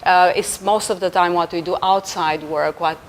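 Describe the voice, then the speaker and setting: A woman from Romania, a UN official speaking as a guest in a radio interview, measured and formal with frequent ums. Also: fairly low pitch, steady tone, a little hiss or hum, rough recording.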